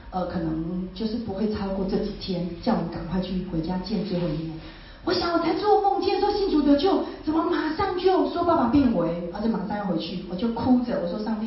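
A woman's voice: medium pitch, slight background noise. Woman, echoing from afar. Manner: repeats phrases and asks listeners rhetorical questions. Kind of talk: emotional testimony storytelling. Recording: very echoey, distant, slightly dull sound.

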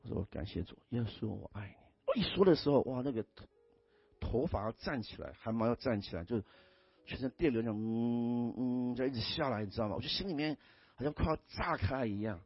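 A male pastor, telling stories in a sermon, swinging between loud exclamations and hushed murmurs. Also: mid-range voice, animated, a little fast, dry recording, muffled recording. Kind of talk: storytelling sermon.

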